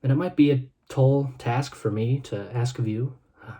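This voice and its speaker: A man hosting his own video, reading scripture and reflecting on it in an earnest, sermon-like monologue with a solemn, measured, heartfelt delivery. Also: medium pitch, mellow. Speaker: food review video host.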